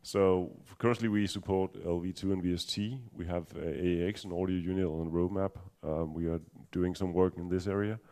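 At a software conference, a man from Denmark with a low, deep voice presents technical content in English with an accent. Frequent hesitations and restarted sentences mark his delivery, which stays relaxed and dark, seasoned with understated self-mockery.

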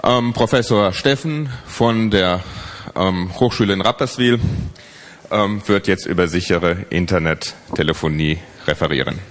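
A man's voice: low voice, moderate pace, a bit bright. A man acting as session host, hesitantly giving a spoken introduction at a lecture series.

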